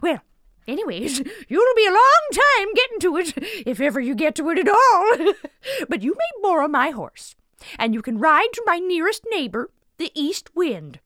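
A woman voicing a cheerful, chatty elderly woman in a storybook tale, talking high and laughing. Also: very animated, moderate pace, pushed and bright, no room sound, clean studio sound, heavily acted. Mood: chirpy. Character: cheerful rambling elderly woman juggling apples.

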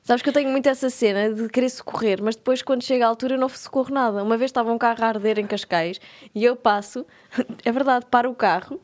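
A young woman with a European Portuguese accent recounts embarrassing stories in a relaxed chat. She laughs a lot and slips into little voices for the people she quotes. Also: a little high, fast. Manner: animated, laughs often, acts out voices in anecdotes. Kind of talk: casual storytelling chat.

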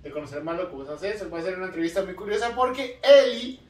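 A man's voice: high-pitched, lively intonation, fast talker, darkish tone, echoey room, distant mic. A man hosting a podcast interview, playful and teasing, sometimes trailing off into mumbles. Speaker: podcast host. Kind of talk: joking casual interview.

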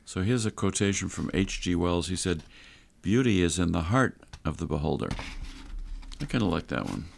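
Deep, creaky-voiced male radio host. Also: lively intonation, normal speed, slight background noise. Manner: instructive, addresses listeners directly. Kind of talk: conversational advice talk radio.

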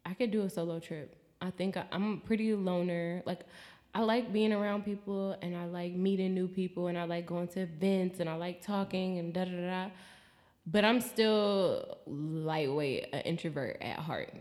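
An American woman chatting casually in a travel vlog, expressive and swearing freely, acting out her own quotes. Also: fairly low pitch, normal speed. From United States. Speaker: vlogger.

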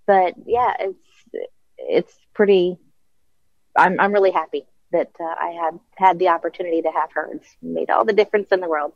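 A woman's voice: on the low side, moderate pace, no room sound, muffled recording. A woman from Florida, a single mom, chatting casually about her family as a panel guest, with lots of fillers.

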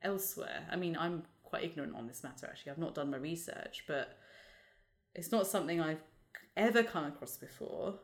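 A woman co-hosting a podcast in casual chat, chatty and quick to laugh. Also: low-pitched. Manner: chatty, laughs often, animated asides. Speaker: podcast co-host.

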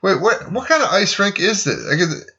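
A man's voice: high voice, big pitch swings, normal speed, sharp tone, muffled recording. A man hosting a casual podcast chat, rambling and joking. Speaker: podcast host.

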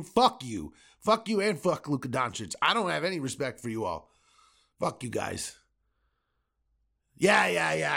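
A man hosting a podcast, delivering an angry, profane solo rant that swings between loud outbursts and low muttering. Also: gravelly. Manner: angry, profane, repetitive ranting. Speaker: podcast host.

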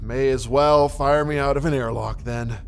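A woman's voice: very deep voice, normal speed, a little mellow, a little hiss or hum. A woman playing a worn-out, sardonic, grumbling crewmate in a sci-fi audio drama. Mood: weary, grumbling. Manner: weary, sardonic.

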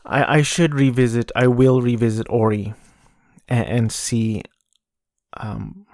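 A male podcast host chats casually on his own about video games, his mid-pitched voice sounding dry and close with no echo. He speaks slowly in a flat, subdued monotone with noticeable vocal fry and little energy. He frequently hesitates and repeats words while searching for what to say.

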